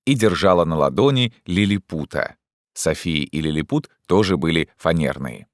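A man narrating a story as an audiobook in an expressive way. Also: a bass voice, moderate pace, dry recording, studio quality. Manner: expressive, acting out voices.

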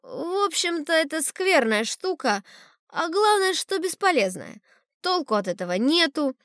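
A woman's voice: very high voice, sing-song, unhurried, a bit bright, no room sound, clean studio sound, pitched above the performer's own voice, heavily acted. A woman reading a storybook voices a rambling, wistful old sailor who talks in a confiding way. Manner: rambling, confiding, calls the boy "brother".

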